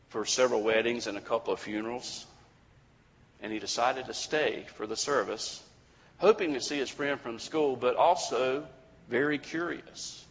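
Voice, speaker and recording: A male preacher telling a sermon story in a measured way, with dramatic pauses. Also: fairly low pitch. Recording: dull lo-fi recording with long hall reverb.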